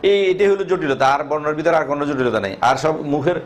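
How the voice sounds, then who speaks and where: A man's voice: on the high side, expressive, racing, a little hiss or hum. A man teaching how to pronounce Arabic letters, asking questions and answering them himself, drawing out each letter's sound. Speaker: Quran teacher.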